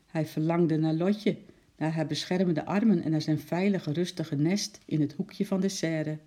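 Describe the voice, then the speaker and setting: A storyteller reading a children's story aloud in a calm narrating voice. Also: mid-range voice, moderate pace.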